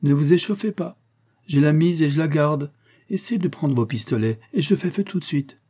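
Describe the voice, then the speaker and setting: A defiant young cowboy in a storybook reading, daring and raised in tone, as a man narrating puts him on. The voice is husky and mellow, a little higher than the narration. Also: normal speed. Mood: warning. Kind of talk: audiobook character reading.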